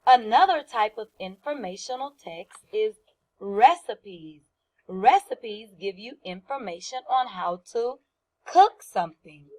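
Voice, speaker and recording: A woman with a fairly high, darkish voice and lively intonation teaches young children as a first-grade teacher, though the recording is rough. She moves very slowly, keeps explanations simple, restates the key points and poses questions to the class.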